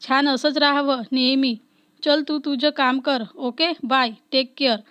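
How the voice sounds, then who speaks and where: A woman voicing a caring, emotional young woman who teases gently. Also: sits high, fairly even intonation, a little slow, dull audio. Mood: teasing.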